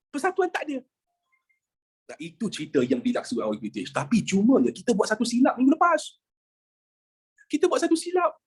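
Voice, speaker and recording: A history teacher with a Malaysian Malay accent, lecturing a class in a lively way, firing rhetorical questions, joking and dropping in English phrases. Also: mid-range voice, slightly rough.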